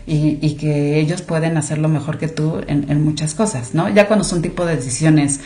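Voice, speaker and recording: Low-voiced woman, chatty podcast guest. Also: steady tone, normal speed, warm tone. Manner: chatty, many fillers and restarts. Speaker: guest, clinical monitoring director. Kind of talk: casual podcast interview.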